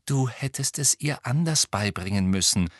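A man reading an audiobook, voicing a teenage girl witch who explains things slowly and patiently like a know-it-all. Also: medium pitch, sing-song, creaky, fairly bright tone, breathy edge, no room sound, clean studio sound, pitched above the performer's own voice, heavily acted.

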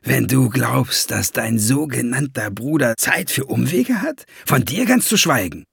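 A man's voice: on the high side, huge pitch swings, takes it slowly, creaky, bright, forceful tone, slightly rough, no room sound, studio quality, pitched above the performer's own voice, heavily acted. A man voicing a scheming, gloating male dwarf in an audiobook, sneering and mocking with greedy glee. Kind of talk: audiobook character voice.

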